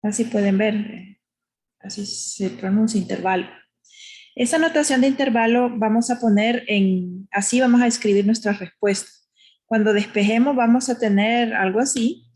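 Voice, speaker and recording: Husky woman teacher walking through a math lesson slowly, patient, keeps checking in. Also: on the high side, darkish tone. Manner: patient, explanatory, uses diminutives, asks "¿verdad?".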